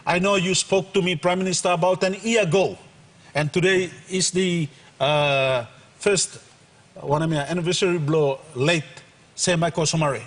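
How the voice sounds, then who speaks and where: High, husky Papua New Guinean man, hall reverb. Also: steady tone, moderate pace, a bit bright. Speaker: member of parliament. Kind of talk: impromptu parliamentary speech mixing English and Tok Pisin.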